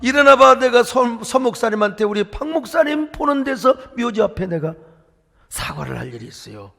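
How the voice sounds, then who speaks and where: A man's voice: very high voice, very animated, moderate pace, vocal fry, fairly bright tone, heavily acted. A man voicing an elderly pastor's widow who tearfully pleads and apologizes, within a sermon. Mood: pleading. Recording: echoey church hall, faint music.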